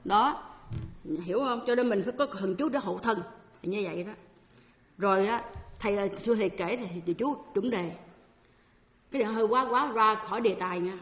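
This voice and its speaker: A woman's voice: medium pitch, moderate pace, long pauses, fairly bright tone. A woman with a Southern Vietnamese accent, a Buddhist nun giving a dharma talk in a chatty storytelling way, acting out what others said and slipping in English phrases. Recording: echoey hall with long reverb.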